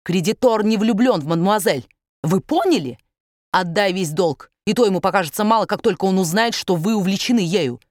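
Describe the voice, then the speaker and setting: A brisk male bailiff who states terms flatly and curtly, as read by a woman narrator. It stays close to her own mid-range voice. The reading is dry and close. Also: medium pitch, dry recording, close to an everyday voice. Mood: businesslike.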